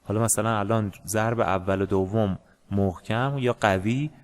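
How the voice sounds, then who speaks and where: A man teaching a music lesson in a casual, hesitant way, with many pauses and fillers. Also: on the low side, steady tone. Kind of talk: casual screen-share lesson.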